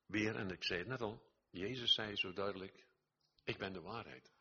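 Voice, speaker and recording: Older earnest preacher, husky voice. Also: male voice, on the low side, normal speed, bright, forceful tone, lo-fi sound. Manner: earnest, exhorting, repeats phrases, swells to emphatic peaks. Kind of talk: sermon.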